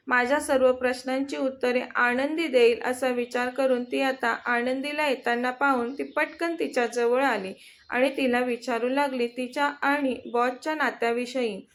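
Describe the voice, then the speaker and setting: A woman storyteller reading a love story as scripted narration at a steady pace. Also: sits high.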